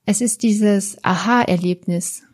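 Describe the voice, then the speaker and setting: A woman therapist talks to the listener in an unhurried, measured way. Her voice sits in an ordinary middle pitch. She sounds calm and gentle and addresses the listener directly. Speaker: therapist or coach. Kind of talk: slow, guiding talk to the listener.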